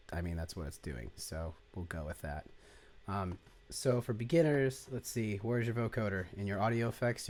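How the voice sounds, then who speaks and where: A man giving a casual, unscripted music production tutorial, rambling, correcting himself and muttering as he clicks around. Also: darkish tone. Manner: low-key, offhand, unpolished. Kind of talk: casual screen-share tutorial.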